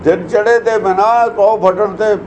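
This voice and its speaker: A preacher with a high, darkish voice gives a religious discourse explaining verses, speaking earnestly at normal speed with fairly even intonation and posing many rhetorical questions. The recording is low quality with slight background noise.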